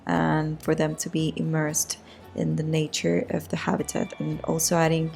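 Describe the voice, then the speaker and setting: A woman with a raspy voice giving casual, hesitant voice-over commentary on a video game build, often rewording as she goes. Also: low-pitched, monotone, moderate pace, darkish tone. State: raspy voice today. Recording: music behind the voice. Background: background music.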